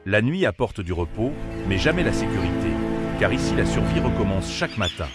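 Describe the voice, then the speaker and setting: A man's voice: on the low side, big pitch swings, fairly quick. A man delivering scripted wildlife documentary narration in a solemn, dramatic manner. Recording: narration over prominent music. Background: music.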